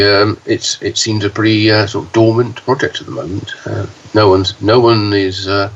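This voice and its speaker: A podcast co-host who reports pinball news talks casually in a low, hoarse voice, deeper than his usual, though a bit bright. He's halting, with many fillers and restarts. His line sounds distant and dull, with faint hiss.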